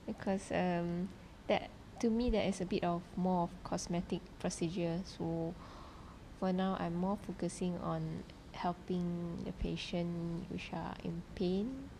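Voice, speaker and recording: A woman's voice: lowish voice, fairly even intonation, slow pace, warm tone, slight background noise, poor audio. A young woman in her twenties, a dentist being interviewed, giving hesitant, short answers. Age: 20s.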